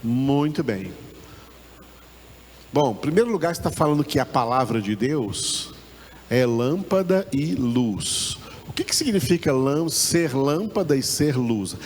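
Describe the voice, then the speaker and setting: A man's voice: mid-range voice, big pitch swings, measured pace, darkish tone. A man with a Brazilian Portuguese accent giving a Bible class, patiently repeating words and asking the listeners to say them back. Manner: often checks understanding with short tag questions. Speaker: Bible teacher. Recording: long hall reverb with faint background noise.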